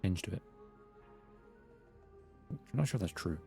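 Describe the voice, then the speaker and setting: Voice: low voice, animated, a little slow, vocal fry, dark tone, breathy edge, soft background music. A game streamer giving playful, joking commentary and reading dialogue choices aloud. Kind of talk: casual live-stream commentary.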